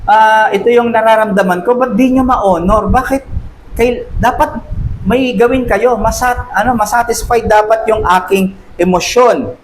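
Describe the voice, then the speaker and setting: A man's voice: high-pitched, moderate pace, slight background noise, lightly acted, low-quality recording. A man voicing a complaining adult who demands that his feelings be honored. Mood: whiny. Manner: pleading, complaining.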